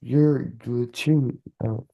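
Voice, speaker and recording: A man's voice: medium pitch, fairly even intonation, drawn-out words, creaky, dull audio. A male student in an online tutoring session, heard over wobbly, warbling, glitchy call audio and answering hesitantly. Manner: hesitant, answers in short replies. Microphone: remote call audio.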